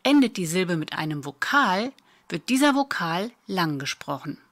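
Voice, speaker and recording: A woman, teaching a spelling lesson in a patient, clear way with dry little asides. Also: lowish voice, big pitch swings, normal speed. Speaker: German spelling tutor. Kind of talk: slow explanatory lesson.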